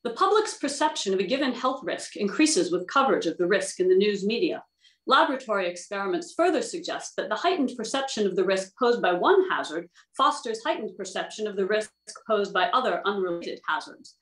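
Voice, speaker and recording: This woman speaks at a medium pitch, animated, a little fast, and a bit bright. Acting as a formal reader of research papers, she reads aloud and takes panel questions on a video call from an indoor room via tablet, with roomy audio.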